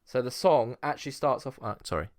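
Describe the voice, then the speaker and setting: A man's voice: mid-range voice, lively intonation, a little fast. A man co-hosting a comedy podcast, chatting and teasing his friend. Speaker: podcast co-host. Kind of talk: casual comedy banter.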